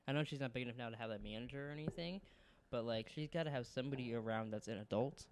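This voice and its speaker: A man's voice: medium pitch, fast, noisy background. A man co-hosting a casual bedroom podcast, joking, rambling, swearing and laughing often. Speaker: podcast co-host. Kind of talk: casual chat.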